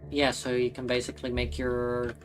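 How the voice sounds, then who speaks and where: A man's voice: medium pitch, monotone, normal speed, over music. A man casually chatting with a friend while playing a co-op game, swearing offhandedly and explaining mechanics. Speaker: co-op streamer.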